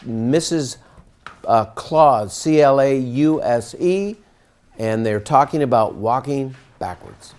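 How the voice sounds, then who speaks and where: A man hosting a show casually, speaking in a halting, hesitant way. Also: mid-range voice, animated, darkish tone. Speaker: show host. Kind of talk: casual presenting.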